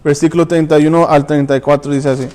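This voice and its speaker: A man's voice: a little high, little pitch movement, fast, darkish tone, long reverb tail. A man preaching and reading scripture aloud, often stumbling and restarting words. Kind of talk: sermon with Bible reading. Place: church.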